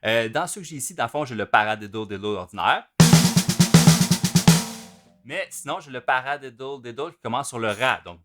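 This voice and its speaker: A man, explaining drum rudiments in a relaxed, casual way with many fillers. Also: medium pitch, moderate pace, long pauses, over loud music. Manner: relaxed, talks through patterns with many fillers. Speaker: drum teacher.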